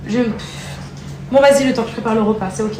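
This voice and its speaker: A woman's voice: on the high side, fast talker, warm tone, faint music behind. A mother who speaks tenderly and showers her children with pet names, then chats casually to her followers. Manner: chatty, addresses her followers as girls. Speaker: mother and vlogger. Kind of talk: casual vlog talk. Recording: roomy and noisy, from a distance.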